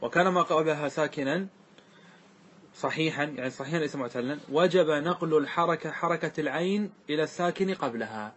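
A man teaching a classroom grammar lesson, slowly repeating word forms and often checking that his students follow. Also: a little high, fairly bright tone, slightly rough. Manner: asks students frequent check questions; repeats words slowly to show their forms.

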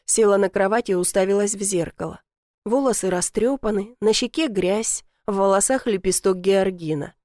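A young woman narrating a first-person audiobook in a lively, indignant storytelling manner. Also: mid-range voice, moderate pace, dry recording, clean studio sound.

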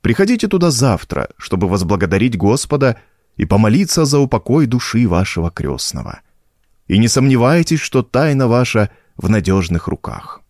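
A man voicing an old village priest, gentle but firm, speaking in a calm preaching tone. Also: medium pitch, normal speed, dry recording, clean studio sound. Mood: solemn.

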